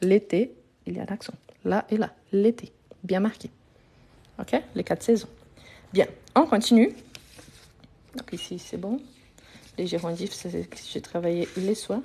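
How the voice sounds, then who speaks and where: A woman's voice: medium pitch, a little slow, gravelly, long pauses, mellow, breathy edge. A woman teaching a live online French lesson, explaining grammar patiently step by step and often checking in with her viewers.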